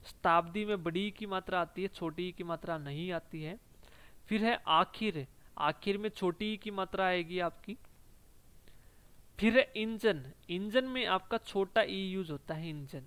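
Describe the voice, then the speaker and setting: Male tutor, higher voice, exam-prep spelling lesson, repetitive, steady drill delivery. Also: clear, resonant tone. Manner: repeats each word slowly, adds "ठीक है" constantly. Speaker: teacher.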